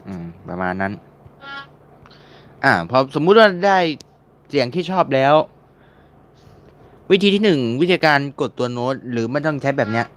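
A man's voice: fairly high pitch, animated, normal speed, pauses often, faint music behind. A man giving a casual, screen-recorded tutorial, chatting and repeating words while he searches and clicks. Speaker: mobile game modding tutor.

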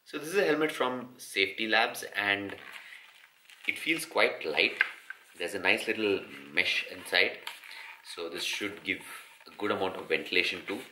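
A man's voice: lowish voice, normal speed, echoey room, background noise. A man in his forties with an Indian English accent, chatting to camera in a casual cycling vlog and explaining things step by step. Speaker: cycling vlogger. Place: hotel room, car and street at night. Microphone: handheld camera at arm's length.

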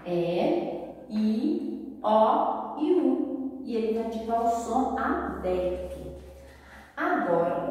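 A woman with a Brazilian Portuguese accent, a primary school teacher giving a slow, didactic recorded grammar lesson to children. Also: mid-range voice, darkish tone. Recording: echoey room from far off.

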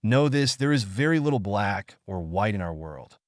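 Man voicing a gentle ninja mentor in a storybook reading, low voice, dry close sound. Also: animated, moderate pace, no echo, lightly acted. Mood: comforting. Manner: gentle, comforting. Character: calm, kind adult male ninja teacher.

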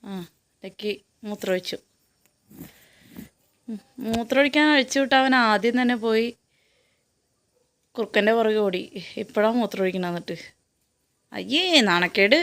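A woman's voice: medium pitch, measured pace, pauses often, fairly bright tone. A Malayali woman vlogging, coaxing and scolding her pet dogs in singsong baby talk. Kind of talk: casual chat to pets.

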